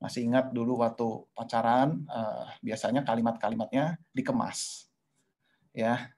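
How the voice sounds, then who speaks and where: A man of average pitch preaches to couples at an online webinar. He keeps a conversational tone and often checks in with short tags as he goes. Now and then he raises his voice to act out what a spouse might say. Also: fairly even intonation, moderate pace, darkish tone. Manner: conversational and repetitive, often adding "ya" and "gitu ya"; acts out quoted lines in a raised voice. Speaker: pastor. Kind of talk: sermon-style talk in an online webinar.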